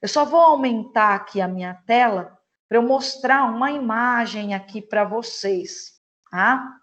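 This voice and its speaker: A woman teaching an online class. Her voice sits a little high, and she explains patiently, checking in with the students at the end of each point. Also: measured pace. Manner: explanatory, with frequent "tá?" and "né?" tags.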